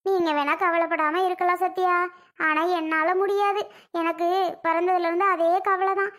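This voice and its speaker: A woman's voice: very high voice, flat delivery, normal speed, a bit bright. A woman voicing a fussy, complaining older aunt in a home-made cartoon, who nags and laments. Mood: worried. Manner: lamenting, nagging.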